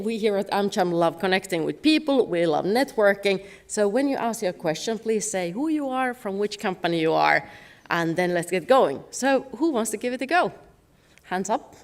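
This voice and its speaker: A woman moderating a panel Q&A at a business forum before a live audience, upbeat and encouraging. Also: medium pitch. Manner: upbeat, encouraging, inviting questions. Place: conference hall with live audience.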